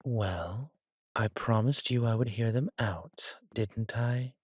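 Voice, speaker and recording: A man voices an arrogant villain king in a roleplay-style audio drama, drawling slowly in a husky, breathy, mid-range voice. The king is sardonic, petulant and indignant, a theatrical sulker who is cruel yet dotes on his consort. The recording is dry and close, with no echo.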